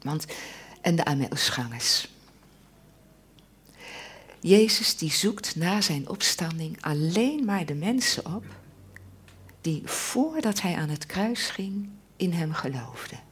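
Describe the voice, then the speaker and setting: A woman delivers a sermon slowly and emphatically, with a very husky, breathy voice that sits fairly low. Her pitch swings widely as she stresses her points, and she often sinks into an intense whisper. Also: animated. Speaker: preacher.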